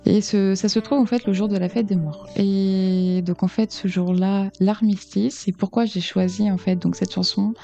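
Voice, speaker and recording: A woman with a dark, mellow voice gives an earnest, halting personal account as an interview guest. Her delivery is reflective, and the sound is slightly dull and lo-fi, with music behind her. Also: mid-range voice, steady tone, vocal fry. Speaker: interview guest, decorative painter.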